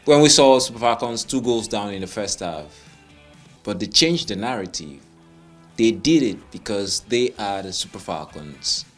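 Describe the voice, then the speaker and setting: A man hosting an enthusiastic sports chat, full of showman exclamations. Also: mid-range voice. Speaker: podcast host.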